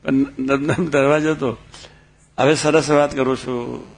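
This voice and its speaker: A man's voice: medium pitch, fairly even intonation, unhurried, gravelly. A man telling personal stories in a sermon, acting out dialogue and asking the listeners questions. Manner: tells anecdotes with quoted dialogue and asks the audience questions. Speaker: religious speaker. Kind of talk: storytelling sermon.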